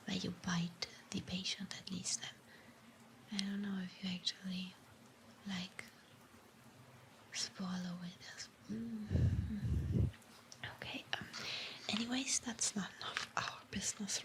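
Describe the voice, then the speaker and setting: An ASMR performer with a German accent whispers close to a binaural microphone, role-playing an office clerk in a hesitant, playful and reassuring way. Her mid-range voice sounds pushed and bright.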